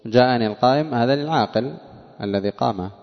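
A man teaching classical Arabic grammar slowly and deliberately. He asks questions and answers them himself, and he chants the verses he quotes. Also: mid-range voice, in a large hall, lo-fi sound.

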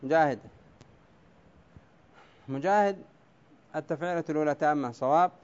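A male teacher in a classroom, going over poetic meter at the board, drawing words out slowly syllable by syllable and calling on students by name. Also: a little high, a little mellow, dull audio. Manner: quizzes students by name, brief praise. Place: classroom with a blackboard.

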